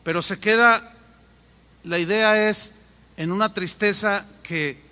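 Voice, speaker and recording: A man preaching a sermon as pastor, animated and acting out voices in his stories. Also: high voice, takes it slowly, clean tone. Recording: echoey hall with long reverb.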